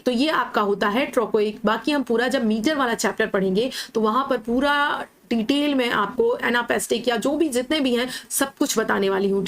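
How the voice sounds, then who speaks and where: A woman, a literature teacher, explains poetry in a Hindi-lecture. She works step by step, asks her own questions and answers them, and often checks in with "ठीक है". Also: fairly high pitch. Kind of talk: Hindi-English lecture over slides.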